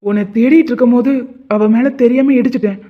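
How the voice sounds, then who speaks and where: A man voicing an irritated young husband in an animated drama, curt and dismissive. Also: extremely high pitch, fast. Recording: tinny phone-like sound.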